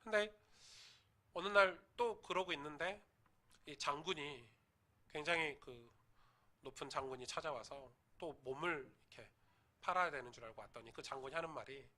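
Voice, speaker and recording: A male pastor preaches in church, telling stories and putting questions straight to the congregation. His voice sits a little high and has a very bright, sharp edge. He builds to loud emphasis on the key points. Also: normal speed, long pauses. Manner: storytelling sermon that swells to loud emphasis; addresses the congregation directly with questions. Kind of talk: sermon.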